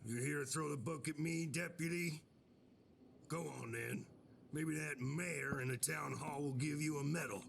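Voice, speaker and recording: An actor playing a drunk, hungover, sardonic sheriff in a video game, rambling like the town drunk in a gravelly voice. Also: male voice, on the high side, fairly even intonation, fairly bright tone, slight background noise. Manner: slow, boozy town-drunk rambling, breaking into song.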